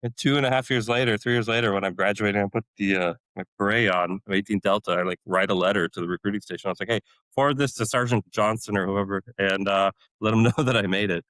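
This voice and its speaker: A retired Army warrant officer in his forties, a native Polish speaker, tells army stories as a podcast guest, casual and animated, laughing often and acting out other people. His voice is fairly low and a bit bright, with fairly even intonation and a quick pace; the recording has no room sound but poor quality.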